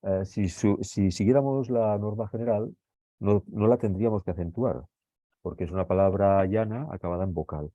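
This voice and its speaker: A man from Spain teaches a grammar lesson in a low, warm voice, patient and methodical, often pausing to ask if his students follow. The recording is dry and dull, with a lo-fi quality. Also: dry recording. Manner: patient, explains step by step with frequent checks like "¿eh?" and "¿vale?".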